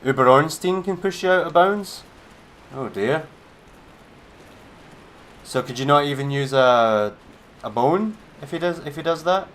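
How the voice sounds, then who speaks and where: A man's voice: a little high, lively intonation, measured pace, pauses often, a bit bright, a little hiss or hum. Laid-back man chatting over gameplay. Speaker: streamer. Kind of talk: casual gameplay commentary.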